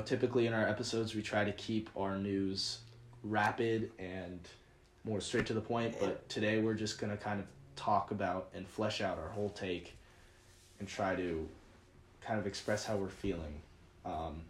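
A man with a lowish voice hosts a casual podcast. He speaks in a measured way with the odd um, and his voice sounds echoey in the room. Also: slight background noise. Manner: measured, with filler ums. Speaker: podcast host.

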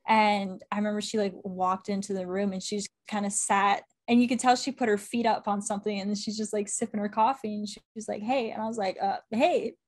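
A young woman from Canada, talking in a casual interview. She is chatty and enthusiastic, piling on fillers and breaking into quick laughs. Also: medium pitch, level tone. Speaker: guest, women's football correspondent.

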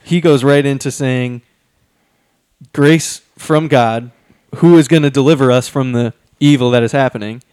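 A man's voice: medium pitch, fairly even intonation, brisk, few pauses, darkish tone, clear, resonant tone, no echo, studio quality. A man co-hosting a casual podcast, reading Bible passages aloud between many ums and restarts, a little out of breath. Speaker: podcast co-host.

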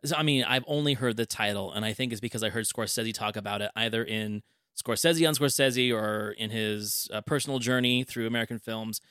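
A man hosting a podcast, chatting casually with enthusiastic, animated storytelling. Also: lowish voice, fairly quick, clean tone, no room sound, clean studio sound. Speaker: podcast host. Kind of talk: casual chat.

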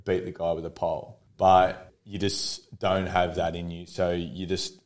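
A man's voice: deep voice, little pitch movement, a little slow. Open, storytelling Australian man in his thirties. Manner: open, storytelling, laughs easily. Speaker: podcast guest. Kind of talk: casual conversation.

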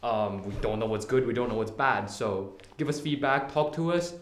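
A man's voice: medium pitch, moderate pace. Laid-back teenage boy in an echoey room. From Hong Kong. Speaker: podcast co-host. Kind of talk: casual chat.

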